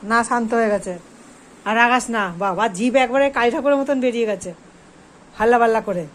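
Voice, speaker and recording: A woman's voice: fairly high pitch, fast talker, slight background noise. A woman, talking to her pet dogs in coaxing, sing-song baby talk. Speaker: pet vlogger. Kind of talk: casual talk to pets.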